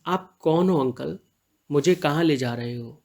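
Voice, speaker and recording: A man's voice: a little high, measured pace, creaky, a little mellow. A man reading the part of a lovestruck young male college student in an audio story, earnest and pleading. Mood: playful pleading.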